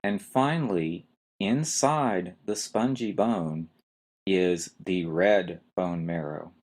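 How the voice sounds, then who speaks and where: Speaking slowly in a low, slightly mellow voice, a podcast host works through medical terminology. He spells each term one letter at a time and carefully marks the stressed syllables.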